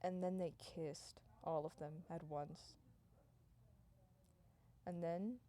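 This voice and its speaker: A woman telling an improvised comic story in a deadpan, run-on way, stringing events together and sometimes dropping to a hush. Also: fairly low pitch, slow, a little hiss or hum. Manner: deadpan, run-on "and then" narration, dropping to hushed tones.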